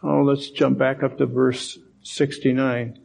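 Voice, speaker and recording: A man's voice: medium pitch, flat delivery, measured pace, vocal fry, darkish tone. A man preaching a sermon, reading scripture aloud and explaining it with emphasis. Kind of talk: sermon Bible teaching.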